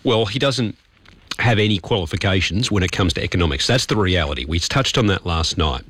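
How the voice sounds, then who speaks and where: Low-voiced Australian man hosting talk radio. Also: lively intonation, a little fast, a bit bright, husky, no room sound. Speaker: talkback radio host. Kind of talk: radio commentary and news reading.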